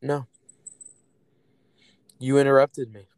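A young man co-hosting a podcast in casual, profane banter, quick-tempered and sarcastic, snapping at his friend. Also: mid-range voice, completely flat delivery, gravelly, a little mellow, clean tone, dry recording. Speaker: podcast co-host.

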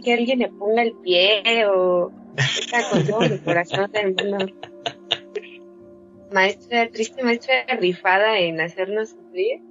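A woman's voice: mid-range voice, fairly bright tone. A woman with a Mexican accent chatting casually on a podcast, rambling with lots of fillers and slang. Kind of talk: casual chat. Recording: dull lo-fi with faint music behind.

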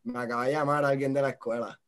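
A man's voice: mid-range voice, fast talker, clear, resonant tone. Young Puerto Rican man, easygoing podcast host, casual banter. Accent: Puerto Rican Spanish. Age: young adult. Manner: relaxed, laid-back, mixes English words. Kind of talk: casual chat.

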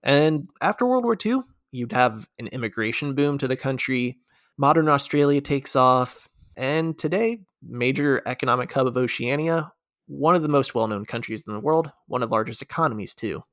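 An American man co-hosting a casual talk show, leading the segments with lively, fact-filled explanation. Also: medium pitch, normal speed, dry recording, studio quality. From United States. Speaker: podcast co-host.

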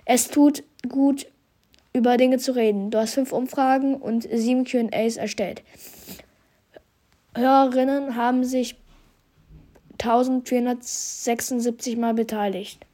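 Congested with a slight head cold, a young podcaster chats casually about the year and reads out statistics in youthful slang. His medium-pitched voice is dark and steady in tone, a little slow, with long pauses.

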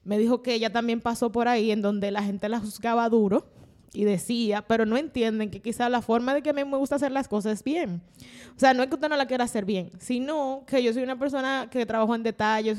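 A young Dominican woman talking openly on a faith podcast, animated and often laughing, slowing down when she turns reflective. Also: a little high. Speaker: podcast guest. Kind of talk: casual faith-based podcast chat.

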